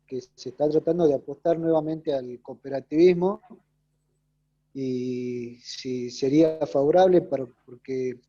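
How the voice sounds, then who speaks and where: Hesitant man, dark dull audio. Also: medium pitch. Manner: hesitant, halting with many fillers. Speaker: student asking a question. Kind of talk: question in an online class.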